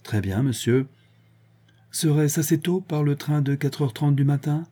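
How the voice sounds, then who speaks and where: A man playing a flippant, carefree young gentleman. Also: on the high side, a little slow, breathy edge, pitched above the performer's own voice. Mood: nonchalant. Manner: light, nonchalant, mock-polite.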